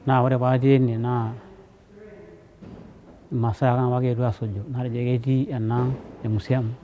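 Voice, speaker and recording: A man's voice: mid-range voice, level tone, moderate pace, narrow, tinny audio. A man from Tanzania speaking in a matter-of-fact way in a documentary interview.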